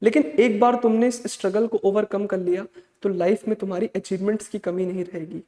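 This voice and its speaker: This online exam-prep chemistry lecture comes from a man with a high, dark voice who speaks fairly quickly in a steady tone. Warm and fatherly, he motivates students he calls "beta," hammering key points repeatedly; the echoey room carries a long reverb.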